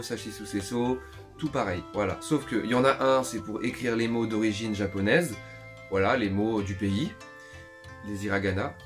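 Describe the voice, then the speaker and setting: Chatty young man teaching casually. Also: mid-range voice. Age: 20s. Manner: chatty, many fillers, addresses viewers directly. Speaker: language teacher. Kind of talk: casual spoken lesson.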